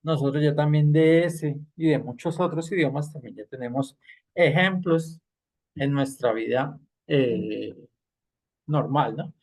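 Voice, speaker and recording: A man's voice: on the high side, measured pace, darkish tone. A man teaching an online English class, explaining patiently and checking in with frequent tag questions.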